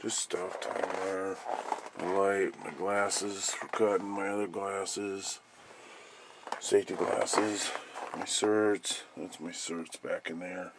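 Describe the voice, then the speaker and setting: A man's voice: deep voice, flat delivery, slow pace. A man casually showing off the gear in his welding trailer, rambling and plain-spoken, cursing now and then. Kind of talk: casual walkthrough vlog. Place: outdoors in a cold enclosed work trailer. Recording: noisy handheld camera audio.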